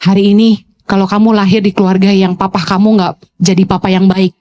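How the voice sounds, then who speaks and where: A woman pastor, preaching to a youth congregation in a lively storytelling way, slipping in English phrases. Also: brisk. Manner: swings to high, playful exclamations.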